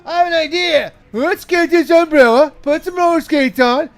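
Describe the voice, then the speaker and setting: A woman voicing a reckless, dim-witted teenager who is loud and excited. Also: high-pitched, moderate pace, faint music behind, pitched above the performer's own voice, natural voice.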